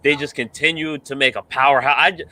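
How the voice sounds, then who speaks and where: A man co-hosting a sports podcast, talking about trades in an excitable, animated way. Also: mid-range voice, quick pace. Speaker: podcast co-host.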